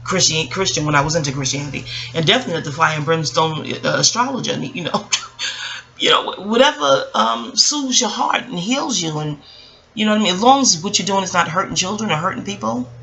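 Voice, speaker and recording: Talking straight to her audience, this American vlogger tells stories in a casual, reflective monologue that wanders into tangents. Her lowish voice is fairly quick with a sharp tone, and the recording is rough.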